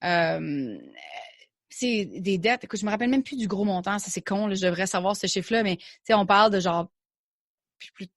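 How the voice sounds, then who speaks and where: A woman's voice: medium pitch, a little fast, dry recording. A young adult woman with a Québécois French accent, a podcast guest talking candidly and chattily, slipping in English words and restarting her sentences. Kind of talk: casual interview chat.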